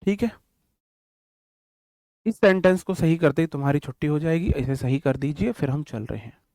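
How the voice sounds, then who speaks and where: Young male tutor, casual exam-prep lecturing, fairly high voice, dry close sound. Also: animated, moderate pace, gravelly, darkish tone, dry recording. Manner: explains in Hindi mixed with English terms, repeats and counts out examples; addresses students directly, casual and chatty. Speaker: English teacher.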